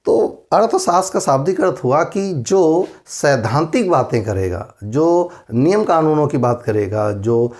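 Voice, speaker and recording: A man's voice: fairly high pitch, lively intonation, measured pace, few pauses, a little mellow. Hindi-speaking man teaching exam-prep economics. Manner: explanatory, asks rhetorical questions, everyday examples.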